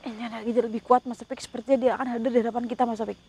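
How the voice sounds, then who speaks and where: A woman with a slightly high voice speaks outdoors as a ghost hunter. She coaxes and pleads with an unseen spirit, and she mutters prayers under her breath between her appeals. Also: flat delivery, very fast, gravelly, mellow, a little hiss or hum. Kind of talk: paranormal investigation commentary. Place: outdoors at night before rain.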